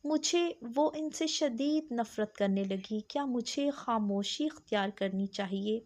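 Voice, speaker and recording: A woman's voice: a little high, darkish tone, close to an everyday voice. A woman voicing a troubled young wife, anxious and questioning herself.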